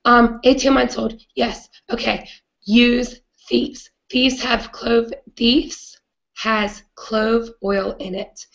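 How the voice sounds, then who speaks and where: A woman with a raspy, hoarse voice from a cold, hosting a live video chat in an earnest way with many "um" fillers. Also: a little high, lo-fi sound. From not British. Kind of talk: casual live-stream talk.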